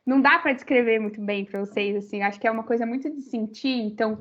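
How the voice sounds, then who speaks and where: A university student from Brazil, young and female, talks quickly as a guest on a podcast, her voice on the high side with a fairly bright tone. Her Brazilian Portuguese accent comes through, and her casual chat keeps stumbling into fillers and rambling restarts. The sound is slightly muffled.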